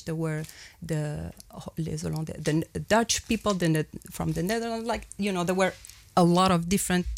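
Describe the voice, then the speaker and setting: Gravelly-voiced woman from Mauritania. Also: on the low side, dry recording. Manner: hesitant, searching for words with many fillers. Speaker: panel guest. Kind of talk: conversational recollection.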